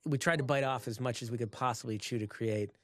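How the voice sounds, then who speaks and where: A man, a director, talking through his choices in a DVD commentary, measured and thinking aloud. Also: mid-range voice, fairly bright tone. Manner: measured, thinking aloud with many "you know"s.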